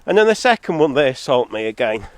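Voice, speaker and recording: Fast and with big swings in pitch, a man with a heavy head cold rants and rambles in a vlog, tossing in sardonic asides. Originally from Zambia, he now lives in England. The audio has no room sound but clips and distorts from being recorded too hot on a phone or camera.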